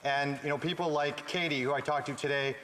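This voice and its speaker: Bright-voiced Canadian man speaking in an echoey parliament. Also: fairly high pitch, fairly even intonation, brisk. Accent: Canadian English. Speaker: member of parliament. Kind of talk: parliamentary speech. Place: large indoor legislative chamber. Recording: echoey chamber with long reverb.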